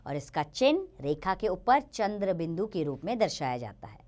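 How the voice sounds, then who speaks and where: Woman teacher, children's grammar lesson, animated pitch, patient and clear. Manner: clear, patient explaining, drawn-out example words.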